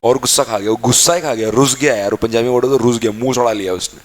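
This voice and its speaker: A young man teaches a class with an easy, fond manner, calling the students child and dear. He asks questions and answers them in the students' voices, in a middle-pitched voice. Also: quick pace. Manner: plays out students' questions in a lively back-and-forth. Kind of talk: classroom lecture.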